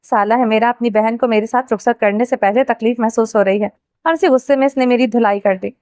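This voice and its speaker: A cocky young man with a shameless, carefree swagger , read by a woman with a fairly high voice. He teases and brushes everything off. The sound is close and dry. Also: fairly even intonation, a little mellow, no room sound, close to an everyday voice. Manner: teasing, carefree.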